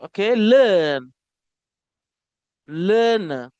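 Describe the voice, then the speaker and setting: A woman teaching an English grammar lesson, who repeats each word slowly and keeps saying okay. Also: mid-range voice, expressive, darkish tone, clear, resonant tone, no room sound, lo-fi sound.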